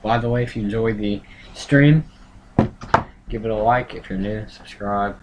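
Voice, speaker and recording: A man hosting a casual livestream, rambling and thinking aloud in a halting, self-correcting way. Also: lowish voice. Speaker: livestream host tracking a tropical storm. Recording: clear background noise, room ambience.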